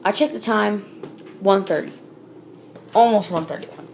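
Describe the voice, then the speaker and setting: A woman with a medium-pitched, gravelly, darkish voice narrates a creepypasta a little slowly over slight background noise. As a storyteller she keeps it casual and unscripted, dropping in fillers and fixing her own slips.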